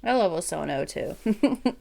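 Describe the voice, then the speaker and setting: A woman hosting a relaxed movie reaction video, tired and yawning, rambling with lots of "like.". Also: lowish voice, slow, gravelly. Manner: relaxed, rambling, says "like" a lot. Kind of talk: casual movie reaction chat.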